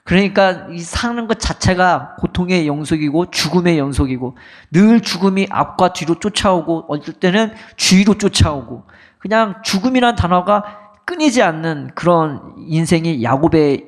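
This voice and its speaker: A middle-aged male pastor preaching a sermon, telling a story and asking rhetorical questions. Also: fairly high pitch. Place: church sanctuary.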